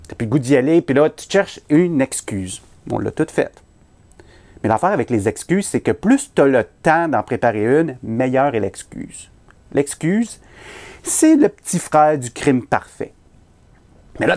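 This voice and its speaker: An animated Québécois man telling a comic story, his pitch rising and falling freely as he builds toward each punchline. His voice sits at a middling pitch, and he delivers the tale in a self-mocking, conversational way. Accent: Québécois French. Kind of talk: comedic storytelling performance.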